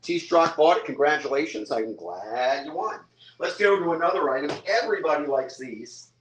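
A man's voice: on the high side, animated, normal speed, slight background noise. An older man running a live-stream auction, describing each item in a chatty salesman patter and calling out bids. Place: hotel room or lounge, indoors. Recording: echoey room.

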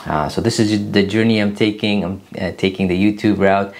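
A man in his thirties from Afghanistan, hosting his own channel and answering viewer questions in a casual, earnest way with many pauses. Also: fairly low pitch, steady tone, gravelly. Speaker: YouTube channel host. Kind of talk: casual Q&A to camera. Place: small room indoors. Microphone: camera at desk distance, seated.

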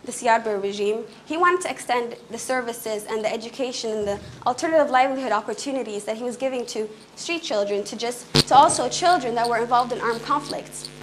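A young woman with a slightly high voice speaks earnestly and fast at a small indoor event. Her talk is fluent with occasional brief restarts, picked up from a few steps away. Faint room noise sits behind her. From Canada. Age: young adult. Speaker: conference speaker. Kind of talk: prepared public talk.

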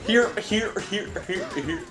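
A man's voice: high-pitched, lively intonation, takes it slowly, fairly bright tone, faint music behind. A young man giving casual, joking commentary while playing a video game, teasing his co-host. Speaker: let's play co-host.

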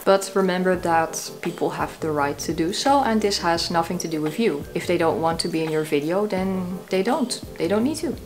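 A woman's voice: on the low side, normal speed, hardly any pauses, over music. A woman in her thirties sharing tips to camera from a small cozy room, with a dry, self-mocking humor. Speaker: YouTube creator. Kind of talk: talking-head tips video.

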